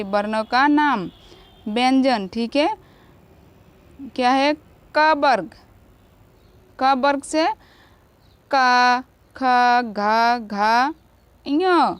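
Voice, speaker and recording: A woman's voice: on the high side, smooth, no echo. A woman teacher giving a grammar lesson to children, asking questions and answering them herself.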